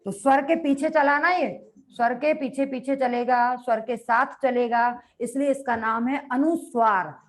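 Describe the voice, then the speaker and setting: A woman teacher giving a grammar lecture, dictating notes slowly and repeating phrases, asking the class questions and answering them herself. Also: high voice, steady tone. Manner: slow, repeats phrases for note-taking.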